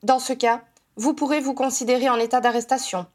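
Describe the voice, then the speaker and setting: Calm firm wizard cop boss, polite but steady, woman reading him. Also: sits high, fairly quick, pitched above the performer's own voice, close to an everyday voice. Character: calm, firm male head of the wizard police.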